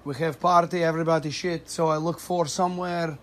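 A man's voice: on the high side, flat delivery, fairly quick, voice pushed down, lightly acted. A man voicing an earnest, clueless Russian immigrant shopper with a Russian accent and broken English. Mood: earnest, chatty. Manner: broken English with dropped articles and mispronounced vowels. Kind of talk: prank conversation in a shop. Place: indoors, furniture store. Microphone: handheld phone camera. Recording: noisy handheld recording in shop.

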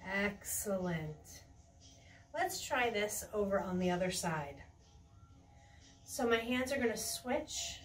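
A middle-aged woman guides tai chi movements in a serene, encouraging way. She speaks very slowly, cue by cue. She is heard from a little distance in a room, with soft music faintly behind her. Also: mid-range voice, lively intonation. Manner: serene, encouraging, unhurried cueing. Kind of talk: guided movement lesson with calm step-by-step cues. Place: small carpeted room indoors.

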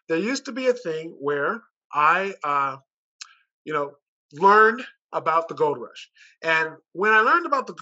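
A man with a slightly high, bright, forceful voice pitches persuasively as a company director at an online conference. The video call audio is muffled and dull, and his informal, conversational delivery relies on rhetorical questions.

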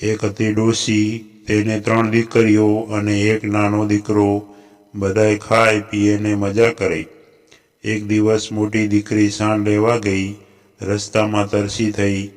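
A man with a Gujarati accent narrates a traditional folk tale in measured, scripted storytelling. His voice sits a little low and stays remarkably flat, hardly rising or falling.

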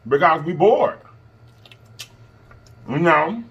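A man with a husky voice, chatting casually and emphatically as he eats crunchy fried chicken, often pausing and humming between bites. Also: on the high side, expressive, fairly bright tone, muffled recording. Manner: eating crunchy fried chicken while talking, with pauses and mm-hums; sassy, emphatic, repeats phrases for emphasis. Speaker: mukbang host. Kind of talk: casual chat while eating. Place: indoors in front of a green backdrop at a table of food.

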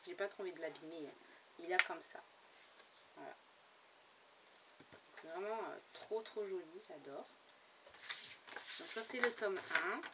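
A book blogger records a casual book haul vlog, chatting about the books she bought in a lowish voice at a measured pace with long pauses. She sounds hesitant, full of fillers and restarts. The mic sits slightly distant, picking up faint background noise.

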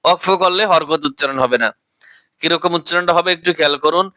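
A man with a Bangladeshi accent teaching the Quran, spelling out Arabic letter by letter and then chanting each word in a slow, drawn-out way. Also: on the high side, steady tone, pushed and bright. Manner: slow, deliberate, drawn-out recitation.

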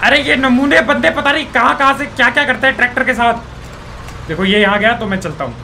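A young man commentating his own gameplay, exasperated and pleading, often yelling at other players. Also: very high-pitched, fairly quick, vocal fry, a little hiss or hum. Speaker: gaming YouTuber.

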